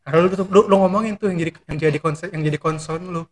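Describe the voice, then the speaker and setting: Slangy high-voiced young pastor. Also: male voice, steady tone, fast. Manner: slangy Jakarta-style talk, acts out prayers in quoted voices. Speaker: pastor and guest. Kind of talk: casual faith chat.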